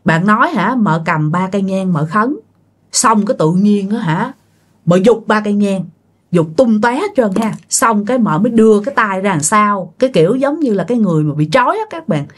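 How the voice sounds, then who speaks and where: Animated woman telling a ghost story. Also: mid-range voice, slightly rough. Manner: animated, addresses listeners directly. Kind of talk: retelling a ghost story to listeners.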